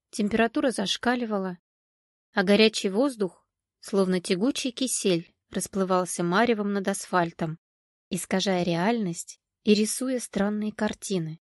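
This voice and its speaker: In a dry, clean studio recording, a woman with a medium-pitched voice reads scripted audiobook narration. Her storytelling stays even and measured throughout.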